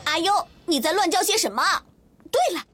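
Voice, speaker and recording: A vain cartoon tomboy schoolgirl speaks in a squeaky, very animated voice. She is boastful, bossy and demanding, over prominent background music. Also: brisk. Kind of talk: animated children's cartoon dialogue.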